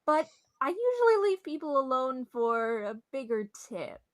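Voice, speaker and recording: In an old-time radio comedy mystery, a woman plays a nosy, bossy, know-it-all hotel attendant with a brash, exclamatory manner. Her high voice is very animated at a moderate pace, and her mood comes across as knowing and pushy.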